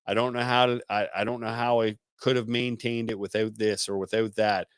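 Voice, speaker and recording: Chill guy on a live stream reading comments, says man a lot, clear voice, dry sound. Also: lowish voice, level tone, a little fast, dry recording. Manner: laid-back, swears freely, says "man" often; repeats words as he restarts.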